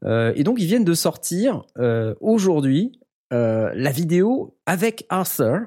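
A man's voice: on the high side, big pitch swings, measured pace, mellow. A man hosting a casual podcast chat, joking about himself between frequent hesitations. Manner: jokey, self-mocking, hesitant with many fillers. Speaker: podcast host.

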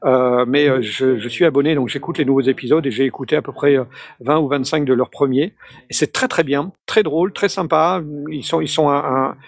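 Gravelly, hesitant French-speaking man. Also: medium pitch, a little fast. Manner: hesitant, many fillers and restarts. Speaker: podcast panelist. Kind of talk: casual chat.

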